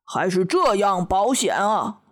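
A woman's voice: medium pitch, expressive, unhurried, fairly bright tone, a little hiss or hum. A woman voicing a timid, cautious male doctor in a children's storybook, fretful and jumpy. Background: music.

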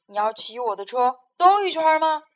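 A woman voicing a big, kind male bear who speaks in a muffled, booming, slow way. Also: lively intonation.

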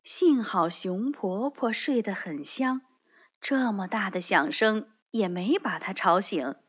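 A woman slowly reading a children's storybook aloud with expressive delivery. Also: medium pitch, breathy edge. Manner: slow, expressive read-aloud. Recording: dull lo-fi recording.

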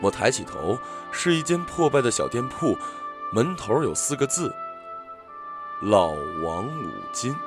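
A man narrating a story in a slow, expressive audiobook reading. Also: mid-range voice, over music.

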